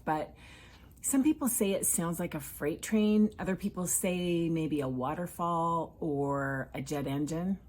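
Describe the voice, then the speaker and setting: Husky-voiced woman giving a reflective faith talk. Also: low-pitched. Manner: earnest, measured, with thoughtful pauses and fillers. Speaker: author sharing a Sunday reflection.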